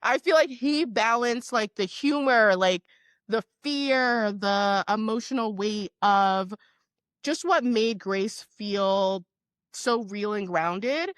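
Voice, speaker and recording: A woman hosting a casual podcast chat, a bit hoarse, talking in a chatty, upbeat way with lots of fillers. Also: mid-range voice, slow pace, no room sound, studio quality. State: hoarse, under the weather. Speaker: podcast host.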